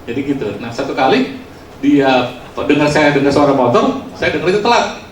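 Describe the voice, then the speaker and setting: A youth preacher gives a casual, storytelling sermon to a young congregation, chatty and self-mocking with plenty of filler words. His voice is on the high side and very animated, at a moderate pace. It was recorded in a church hall, sounding roomy with a distant mic and faint noise.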